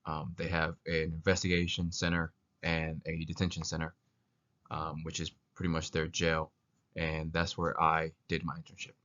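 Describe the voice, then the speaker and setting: Young male student presenter, sick with flu: low and monotone, hesitant delivery, muffled lo-fi sound. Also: moderate pace. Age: young adult. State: sick with flu, coughing now and then. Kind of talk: narrated presentation. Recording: dull lo-fi voice recording.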